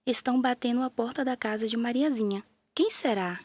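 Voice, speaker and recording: A woman with a Brazilian Portuguese accent narrating a children's story in a gentle, playful way, with little sound effects. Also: on the high side, a little fast, dry recording.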